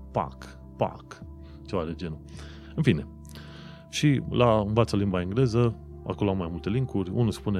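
A man hosting a casual solo podcast, explaining how words are pronounced and repeating them slowly to demonstrate. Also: low-pitched, darkish tone. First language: Romanian. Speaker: podcast host.

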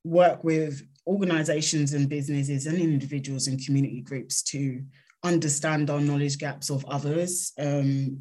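A woman's voice: low-pitched, mellow. Woman with an unsoftened South London accent. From South London, England. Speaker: interview guest, consultant. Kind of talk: conversational interview answers.

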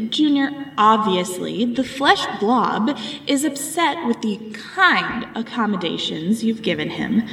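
A woman's voice: a little high, a little hiss or hum, exaggerated voice. A woman voicing a sarcastic, impatient alien woman with a dry, dismissive manner. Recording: echoey, slightly distant.

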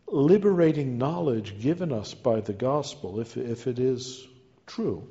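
Male lecturer, dark-toned and erudite, rhetorical read delivery, slightly muffled recording with long hall reverb. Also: mid-range voice. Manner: erudite, ornate literary phrasing. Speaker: guest lecturer giving a talk. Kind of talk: scholarly lecture read from a prepared text.

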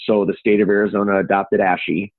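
A man's voice: on the low side, little pitch movement, a little fast. A middle-aged man with an Upper Peninsula Michigan accent, talking as an interview guest in a folksy, wordy, playful way over a phone-like connection. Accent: Upper Peninsula Michigan (Yooper). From Upper Michigan, United States. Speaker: interview guest, home inspection business owner. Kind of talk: conversational interview. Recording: echoey, narrow phone-like call audio.

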